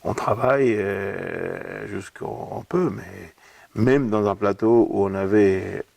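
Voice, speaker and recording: A middle-aged Argentine opera singer speaks slowly in a gravelly, lowish voice with a darkish tone and an Argentine Spanish accent. He is a guest in a relaxed interview, captured by a distant mic with no echo. He's thoughtful and often repeats words as he looks for what to say.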